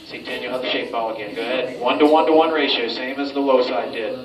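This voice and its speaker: A man's voice: mid-range voice, quick pace, crowd noise. A man working as a training instructor, giving a group drill instructions in a directive but informal way. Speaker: military-style hypoxia training instructor. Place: enclosed training chamber. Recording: roomy, distant mic, clear background noise.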